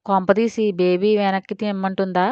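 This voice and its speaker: A woman's voice: medium pitch, flat delivery, normal speed, smooth, no room sound, dull audio, natural voice. A woman voicing a manipulative man who coaxes his sister in a storybook drama. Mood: coaxing. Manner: coaxing and sly. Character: scheming manipulative older brother.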